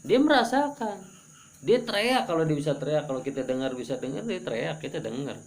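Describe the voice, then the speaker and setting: Animated gravelly male preacher. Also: a little fast. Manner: animated, joking, pitch jumps for emphasis. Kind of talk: religious study sermon.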